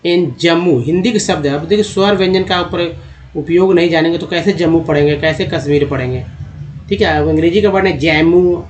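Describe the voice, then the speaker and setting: A man teaching reading, sounding words out slowly, syllable by syllable, and explaining in Hindi between the words. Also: on the high side, low-quality recording. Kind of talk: slide-based reading lesson.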